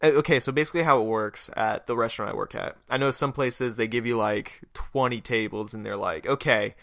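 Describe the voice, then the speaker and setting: A man's voice: mid-range voice, steady tone, fairly quick, a bit bright, no room sound, clean studio sound. A young man hosting a podcast, telling a rambling story in a casual way, laughing and swearing now and then. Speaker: podcast host.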